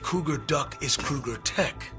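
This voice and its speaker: An actor playing a blunt, determined detective who speaks curtly. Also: male voice, a little high, a little slow, over music, lightly acted. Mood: decisive. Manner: curt, decisive. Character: blunt male detective, dogged.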